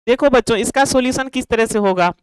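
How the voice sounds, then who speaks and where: A woman teaching a math class with a smooth, fairly high voice. She walks through each step slowly and repeats it, asking questions aloud and answering them herself. The sound is close and dry. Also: dry recording, low-quality recording. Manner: poses rhetorical questions and answers them, checking in with students; drawn-out, repetitive explanation. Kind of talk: online classroom lesson.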